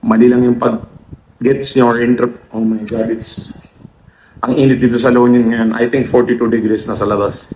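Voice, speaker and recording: A man's voice: medium pitch, level tone, normal speed, dark tone, slight background noise. A man in his thirties from the Philippines, ranting emphatically in a vlog, calling his viewers boss and slipping into English. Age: 30s. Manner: emphatic, keeps addressing listeners as boss, mixes in English. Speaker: blogger. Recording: roomy echo.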